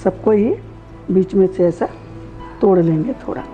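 A middle-aged woman hosting a cooking show, calmly explaining each step of a recipe in detail. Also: mid-range voice, measured pace, muffled recording, soft background music.

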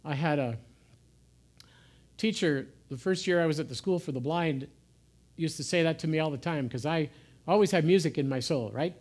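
A man giving an informal sermon in a gentle, conversational way, sometimes dropping to soft, hushed asides. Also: fairly high pitch, moderate pace, long pauses. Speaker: pastor. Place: church.

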